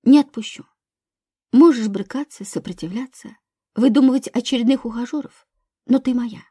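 Casting: woman doing a possessive, commanding young man, husky and warm, dry close audiobook read. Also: fairly high pitch, normal speed, no room sound. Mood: stern. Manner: stern, commanding.

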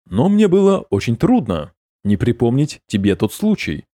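A man's voice: mid-range voice, very animated, normal speed, warm tone, no echo, studio quality, natural voice. A man voicing a bitter, defensive male wizard who snaps back indignantly. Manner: snapping, indignant.

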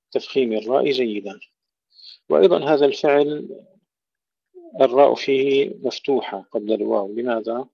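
A man teaching Quran recitation rules, chanting verses slowly and melodically and then explaining common pronunciation mistakes briskly. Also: medium pitch, creaky, dry recording. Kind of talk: recitation and tajweed lesson. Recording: dull lo-fi dry recording.

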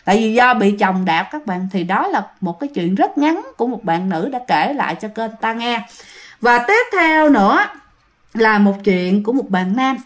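A woman's voice: a little high, sing-song, normal speed. A woman telling ghost stories in a chatty way, often addressing listeners. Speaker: ghost story narrator. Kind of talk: storytelling to listeners.

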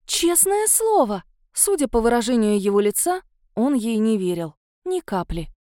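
Expressive woman narrating a fantasy audiobook. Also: a little high, moderate pace, no room sound, studio quality. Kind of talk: first-person audiobook narration.

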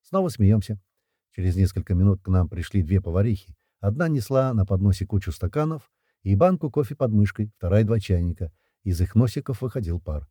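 A man narrating a first-person story in a lively, wry, slangy way. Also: on the low side, fairly quick, husky, no room sound, clean studio sound. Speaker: audiobook narrator.

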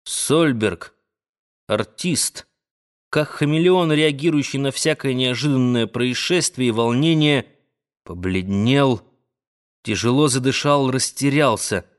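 Slow, dramatic male audiobook narrator. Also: mid-range voice, animated. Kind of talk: scripted literary narration.

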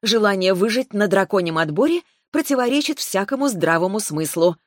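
Woman reading a defiant young heroine, sharp-tongued, stubborn, dry close sound, audiobook. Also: mid-range voice, animated, fairly quick, no echo, lightly acted.

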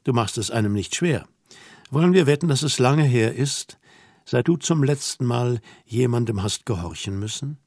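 A man reading an audiobook voices a young woman who teases and orders her companion about, asking brisk, mocking questions. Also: medium pitch, animated, a little mellow, no echo, studio quality. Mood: teasing. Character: young woman, teasing, bossy and self-assured. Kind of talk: audiobook dialogue.

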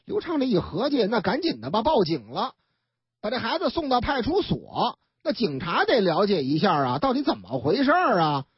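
A radio host tells the news like a storyteller, her voice rising and falling a great deal. She sounds a little husky, and the recording is dry and dull, like a lo-fi radio broadcast. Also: medium pitch, moderate pace, dry recording. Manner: chatty, lively storyteller who acts out the people in her stories.

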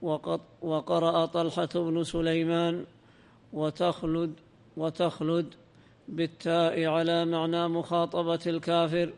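A man reading a classical commentary aloud in a lesson, in a measured, even recitation. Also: fairly high pitch, vocal fry, smooth, in a large hall. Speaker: reader of the text in a lesson.

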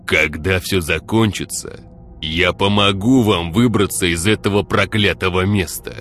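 A man voicing a calculating gang boss who speaks in a slow, measured, menacing drawl. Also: low voice, a bit bright, faint music behind. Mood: cold.

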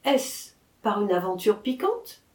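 A woman's voice: mid-range voice, big pitch swings, takes it slowly, darkish tone. A woman voicing a teasing young actress. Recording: echoey room.

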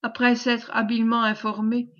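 A woman's voice: fairly high pitch, flat delivery, moderate pace, fairly bright tone, dull audio. Woman reading a classic novel aloud. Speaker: audiobook reader. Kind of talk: literary audiobook narration.

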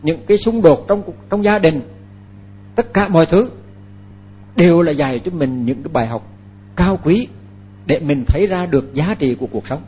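An older man, a Buddhist monk, giving a dharma talk in an unhurried, halting way with many fillers and repeated words. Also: on the high side, expressive, breathy edge, muffled recording.

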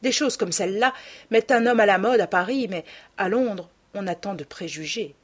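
A woman voicing a worldly, persuasive aristocratic gentleman in an audiobook, with a husky voice. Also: mid-range voice, normal speed, close to an everyday voice. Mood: urbane. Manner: suave, persuasive, lecturing. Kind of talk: audiobook character reading.

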